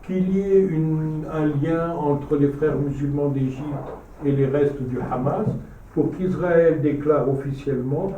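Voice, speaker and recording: A man with a fairly high, mellow voice explains his point at a public discussion. He sounds distant and muffled in a very roomy space, with faint noise. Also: measured pace.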